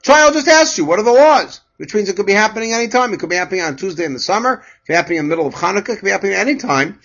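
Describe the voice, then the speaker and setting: A man teaching a measured lecture on a religious text, explaining passages and reading Hebrew aloud. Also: sits high, lively intonation, pushed and bright, dull audio. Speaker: Torah teacher.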